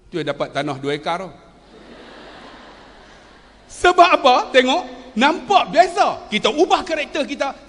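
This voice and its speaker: A man in his fifties giving an animated, humorous religious talk and quizzing his audience. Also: very high-pitched. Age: 50s. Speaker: religious speaker. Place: large event hall. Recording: long reverb of a big hall.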